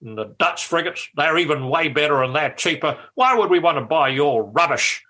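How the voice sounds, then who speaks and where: A gruff, blunt older politician with a voice that cuts straight through the room, as a man puts him on. His tone is bright and sharp, and he speaks. He sounds contemptuous and quick with a put-down. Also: on the high side, expressive, voice pushed up. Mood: scornful. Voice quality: cutting, forceful delivery.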